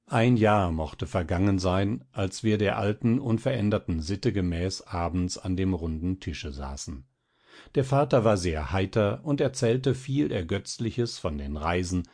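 A man narrating a literary tale as an audiobook, reading with expressive, dramatic pacing. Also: on the low side.

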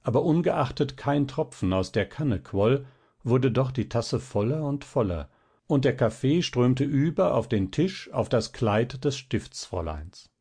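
A man narrating a classic fairy tale in an even, measured reading. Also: mid-range voice, breathy edge. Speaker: reader. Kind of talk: storybook narration.

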